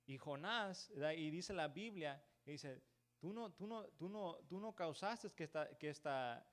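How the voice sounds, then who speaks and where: A man's voice: fairly high pitch, animated, unhurried, a bit bright. A man preaching a church sermon who keeps calling the listeners "brother" and asking "right?", often restarting words and mixing in English words. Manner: peppers talk with "hermano" and "¿verdad?".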